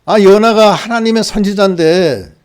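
A man preaching a sermon as pastor, reading scripture and acting out the prophet's complaints in a lively storytelling way. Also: high-pitched, moderate pace, clear, resonant tone. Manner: asks the congregation questions. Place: church service.

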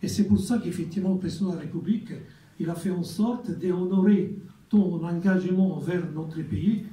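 A man's voice: high voice, mellow. Man with an Italian accent speaking in a hall. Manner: halting, repeats words, ceremonial thanks. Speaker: community representative giving a speech. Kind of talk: formal ceremony speech. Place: ceremony hall. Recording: echoey hall, from far off, faint noise.

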